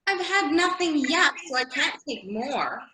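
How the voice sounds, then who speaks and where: A woman's voice: high-pitched, lively intonation, a little slow, bright, forceful tone, slight background noise, exaggerated voice. A woman playing a curious, polite but easily indignant young girl in a readers' theater storybook piece, prim and questioning, in an echoey room. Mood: puzzled, indignant. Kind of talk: readers' theater of children's classic.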